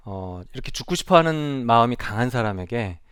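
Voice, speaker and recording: A man's voice: medium pitch, expressive, fairly quick, fairly bright tone, clean tone, no echo, studio quality. A man who is a child and adolescent psychiatrist, giving a reflective, earnest public talk on stage and asking the audience questions. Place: stage before a live audience.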